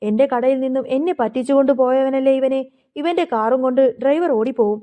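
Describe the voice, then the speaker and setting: A woman's voice: high voice, brisk, phone-quality sound, lightly acted. Woman voicing an anxious, suspicious young man. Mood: agitated.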